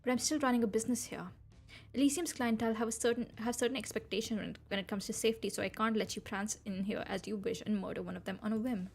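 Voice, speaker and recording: A woman's voice: on the high side, steady tone, fast talker, a little mellow, breathy edge, faint music behind. Woman reading as a sly vampire club owner. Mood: coaxing.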